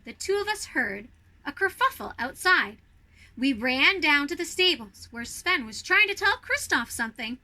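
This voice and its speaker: A woman reads a children's storybook in the role of a snow queen, speaking expressively and directly to her young listeners. Her voice is high, and the audio quality is poor.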